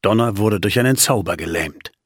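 A man narrating a storybook in a measured, vivid way, recorded close on a studio mic. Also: on the low side, husky, no echo. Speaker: audiobook narrator. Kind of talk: storybook reading.

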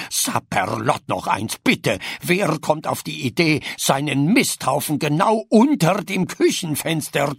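Give me a man playing a self-important old ghost nobleman, complaining in a rough, husky, dry voice. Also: on the high side, no echo, pitched above the performer's own voice, exaggerated voice. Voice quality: lamenting, theatrical moaning. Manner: slow, drawn-out and grumbling. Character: old noble male ghost, pompous and whiny.

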